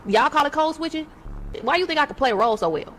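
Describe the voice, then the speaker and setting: Fast-talking animated woman, high voice. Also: slight background noise. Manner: animated, rambling, acting out her own quoted lines. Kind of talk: casual video monologue.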